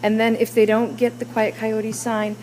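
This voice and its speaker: A woman's voice: fairly high pitch, monotone, normal speed, a little mellow, rough recording. A woman teacher leading a classroom discussion with children, coaxing them with question after question.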